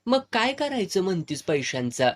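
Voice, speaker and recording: Fiery young village woman, sharp-tongued, defiant, somewhat high voice, as a man reads her, storybook. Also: big pitch swings, normal speed.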